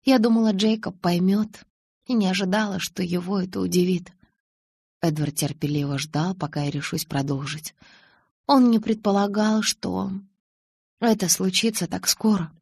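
A woman narrating an audiobook in the first person, steady and measured. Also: mid-range voice, vocal fry, husky, no room sound.

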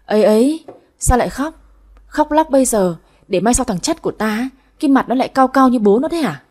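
A woman voicing a stern old grandmother who rules the family, speaking in a sharp, scolding tone. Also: a little high, lively intonation, a little fast. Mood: teasing.

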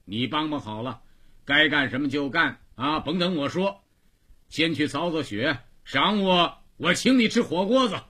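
A man voicing a bossy old male rickshaw-yard owner with a Beijing accent, gruff and commanding in a radio storytelling. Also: fairly high pitch, lively intonation, a little slow, sharp tone, pitched above the performer's own voice, full character voice.

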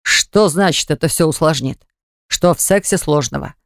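A woman voicing a pushy, demanding young man who speaks bluntly and insistently, lower than her own voice. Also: normal speed, dry recording, clean studio sound. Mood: calm.

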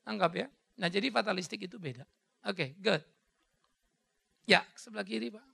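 Preacher, male, high and animated, gravelly and sharp, mixes in English phrases. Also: moderate pace. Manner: animated, mixes English words, acts out quoted voices. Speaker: pastor. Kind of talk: sermon with Q&A. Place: church hall.

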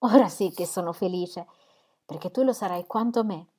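A woman voicing a gentle, kind young woman, an affectionate elder sister, with warm, eager exclamations. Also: lowish voice, moderate pace, lightly acted. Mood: earnest. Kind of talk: audiobook character reading.

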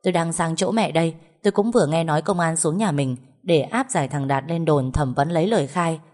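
A woman voicing a calm, blunt younger sister who speaks plainly and reproaches her family. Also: deep voice, a little fast. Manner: calm then sharply reproachful.

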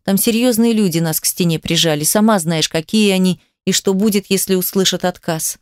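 A woman's voice: medium pitch, fairly quick, no echo, studio quality, close to an everyday voice. A woman voicing a tired, blunt female hospital doctor who talks in coarse everyday speech. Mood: weary, pitying. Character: weary, world-worn female hospital doctor.

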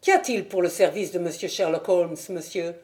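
A woman voicing an irritable old man who keeps animals, who first shouts threats and then turns fussy and polite. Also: fairly low pitch, normal speed, close to an everyday voice. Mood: fussy, welcoming. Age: over 60.

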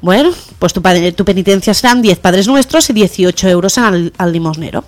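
A woman's voice: moderate pace, soft background music. Woman telling jokes on local radio. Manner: lively joke-telling, acts out characters with pitch jumps. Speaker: radio comedy host.

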